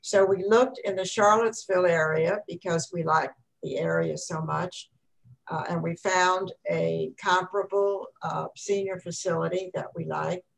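An older woman recounting her story on a video call in a plain, measured way with small hesitations. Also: fairly low pitch, fairly even intonation, rough recording. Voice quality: creaky. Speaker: resident guest. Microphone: webcam on a video call.

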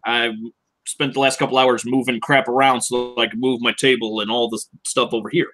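A livestream guest in casual chat, relaxed and joking. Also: mid-range voice, fairly quick.

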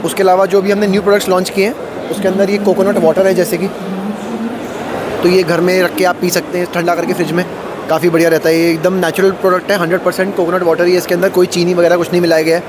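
Man, thirties, high-pitched, product pitch, busy expo stall, noisy hall. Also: level tone, quick pace. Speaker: food company representative. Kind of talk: trade fair interview. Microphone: handheld mic held by interviewer.

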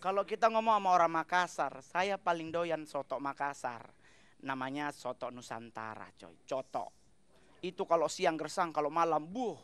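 A man doing stand-up on a TV studio stage into a handheld mic, talking loud and animated in slangy street speech. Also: on the high side, moderate pace, clean tone. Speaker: stand-up comedian. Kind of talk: stand-up comedy set. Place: TV studio stage with live audience. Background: audience laughter.

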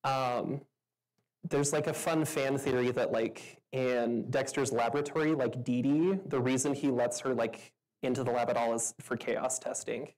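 A woman's voice: a bass voice, steady tone, moderate pace, darkish tone, low-quality recording. A woman answering audience questions at a meetup in a casual, chatty way, with lots of fillers. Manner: chatty, filler-heavy, laughs often. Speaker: meetup speaker. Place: stage in a venue with an audience.

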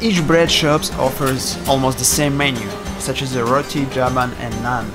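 A man narrating a travel voice-over in a relaxed, explanatory way. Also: mid-range voice, normal speed, over loud music. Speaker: travel vlogger.

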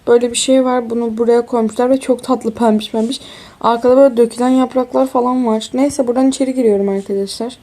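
A young woman with a fairly high, warm voice talks fast and steadily as she plays through a life-sim game. She sounds tired but chats casually, exclaiming and addressing her viewers like friends in this YouTube gaming walkthrough.

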